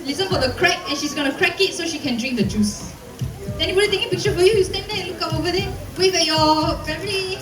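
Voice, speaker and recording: A woman's voice: very high voice, quick pace, recorded from a distance. A cheery, playful woman with a Singaporean accent, presenting a live zookeeper talk to an audience and coaxing them to join in. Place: open-air covered viewing stand at zoo. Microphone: handheld PA mic, filmed from audience. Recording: echoey PA speakers, recorded from afar, music behind.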